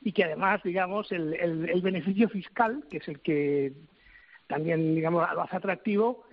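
High-voiced man speaking haltingly. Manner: halting, hesitant, searching for words. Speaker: government official. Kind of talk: interview answers. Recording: dull lo-fi recording.

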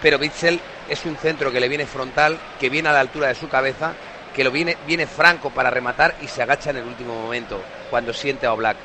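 A man's voice: mid-range voice, fairly even intonation, a little fast. A man with a Spanish accent from Spain gives live football analysis on radio as a pundit, explaining his point in an emphatic, insistent way. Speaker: football pundit, former player. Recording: stadium crowd noise behind.

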